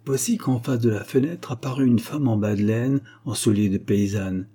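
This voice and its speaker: A man narrating a classic story in a calm, measured way. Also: medium pitch, husky. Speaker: audiobook narrator.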